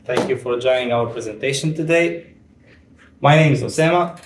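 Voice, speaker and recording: A young man from Tunisia giving a conference presentation, explaining step by step with frequent pauses and fillers. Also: medium pitch, background noise. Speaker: PhD student presenter. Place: conference room. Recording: echoey room, far from mic.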